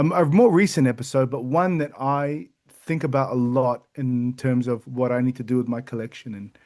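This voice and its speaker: A man co-hosting a card collecting podcast, telling stories in an enthusiastic, animated way. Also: mid-range voice. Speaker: podcast co-host. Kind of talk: casual chat.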